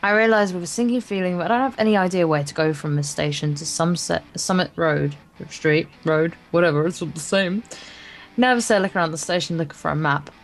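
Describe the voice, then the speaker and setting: A woman with a lowish voice and brisk pace co-hosts a let's play, reading visual novel narration aloud, tripping over words and tossing in wry, casual asides. Acoustic guitar game music plays behind her.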